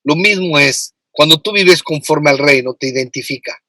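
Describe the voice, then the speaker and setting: A man's voice: on the high side, moderate pace, pushed and bright, dry recording. A man from Mexico with a Mexican accent, preaching a sermon as pastor, with emphatic repetition. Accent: Mexican Spanish.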